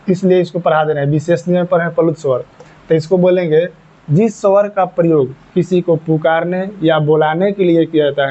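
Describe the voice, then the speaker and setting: A man's voice: fairly high pitch, mellow. A man teaching a grammar lesson step by step, repeating points and asking and answering his own questions. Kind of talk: classroom lesson. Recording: dull lo-fi recording.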